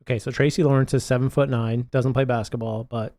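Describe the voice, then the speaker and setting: A woman's voice: extremely low pitch, fairly even intonation, fairly quick, dark tone. A woman co-hosting a podcast who teases her co-host with dry quips. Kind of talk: casual chat.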